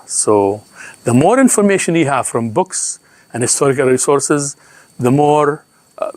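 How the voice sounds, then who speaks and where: A man closes a lecture in a conversational way, turning to his audience for their thoughts. He hesitates now and then with small fillers. His pitch sits in the ordinary middle range for a man. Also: dry recording. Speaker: guest lecturer. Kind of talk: lecture wrap-up.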